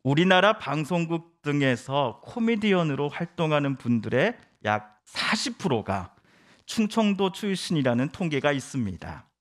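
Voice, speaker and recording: A middle-aged man preaching a Sunday sermon, who reads scripture slowly and then tells stories, putting on voices for the people in them. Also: fairly high pitch, very animated. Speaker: pastor.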